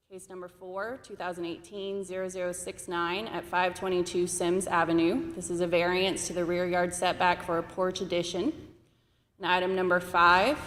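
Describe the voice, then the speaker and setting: Lower-voiced woman reading an agenda, hoarse. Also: a little hiss or hum. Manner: formal, reads case numbers and addresses. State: losing her voice. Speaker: zoning administrator. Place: city hall meeting chamber. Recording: echoey council chamber.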